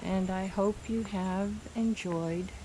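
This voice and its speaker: A woman giving a casual, unhurried, plainspoken tour of a garden. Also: mid-range voice, steady tone. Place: outdoors in a garden. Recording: noisy outdoor recording with insect sounds. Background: crickets and insects.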